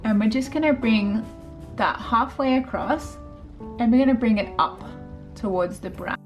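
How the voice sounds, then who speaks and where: A woman's voice: fairly high pitch, normal speed, lo-fi sound, soft background music. A woman, a makeup artist chatting casually through a tutorial with lots of fillers. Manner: chatty, filler-heavy, relaxed.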